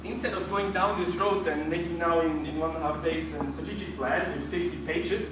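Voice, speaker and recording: A man gives a group presentation hesitantly, restarting often, in an echoey room recorded from far away with background noise. His voice is fairly high with fairly even intonation, and he talks a little fast.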